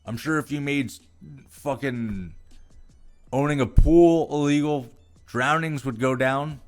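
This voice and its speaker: An American political commentary vlogger with a medium-pitched voice reads aloud a little slowly, with faint music behind. He rants casually about the text, adding profane, exasperated and sarcastic commentary.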